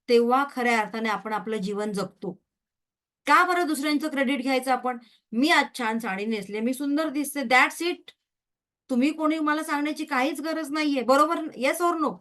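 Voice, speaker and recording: Middle-aged woman, Reiki teacher, online class, higher voice, checks in with rhetorical questions. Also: a bit bright. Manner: switches freely into English words and phrases. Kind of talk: online training class lecture.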